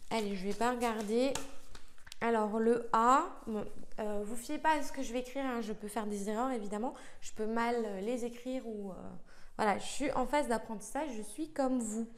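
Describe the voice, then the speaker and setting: A woman's voice: a little high, normal speed. A young woman vlogging casually about learning letters, thinking aloud with frequent hesitations and fillers. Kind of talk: casual live learning vlog.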